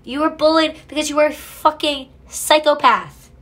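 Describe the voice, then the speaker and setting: A young woman's high-pitched, somewhat bright voice moves at a moderate pace as she talks true crime casually from a small home room. Her delivery is blunt and full of swearing, with sarcastic asides and many restarts.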